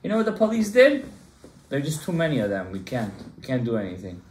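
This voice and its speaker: Animated man teaching a Torah class. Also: mid-range voice, fast, slight background noise. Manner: emphatic, gestures broadly, quizzes the listeners. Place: synagogue study room, indoors. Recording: roomy echo.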